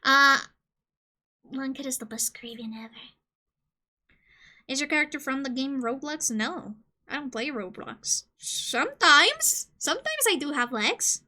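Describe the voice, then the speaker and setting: A woman from Colombia streaming casually, joking and reading game questions aloud, with sudden loud squeals. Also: sits high, sing-song, a little slow.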